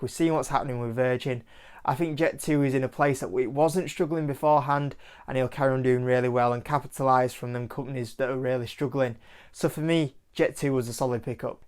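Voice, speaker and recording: Speaking in a smooth, mid-range voice, a man from Yorkshire, England runs his own investing channel. He talks casually through his stock picks to camera, loose and chatty, with plenty of "like" and "kind of."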